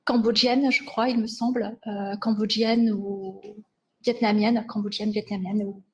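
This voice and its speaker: A woman's voice: mid-range voice, steady tone, measured pace. A woman giving a lecture with slides on language sciences, speaking hesitantly and often restarting and correcting herself.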